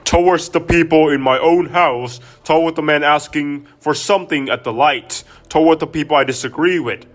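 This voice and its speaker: Reflective man narrating in a higher voice. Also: normal speed. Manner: reflective, confessional. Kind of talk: scripted narration.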